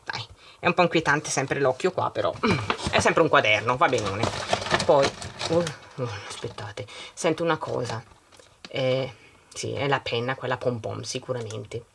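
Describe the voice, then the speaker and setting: A woman's voice: a bass voice, normal speed, vocal fry, background noise. A middle-aged woman vlogger chatting casually while decorating her planner and opening a surprise bag, reading out long lists of greetings. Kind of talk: casual chat while unboxing.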